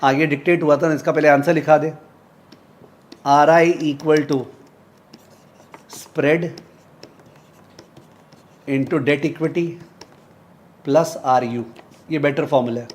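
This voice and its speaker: Man teaching a live class, somewhat high voice, drills numbers in rhythm, teases students. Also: fairly even intonation, takes it slowly, pauses often. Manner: drills sums aloud in a repeated rhythm; teasing, calls on students by name. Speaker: finance teacher.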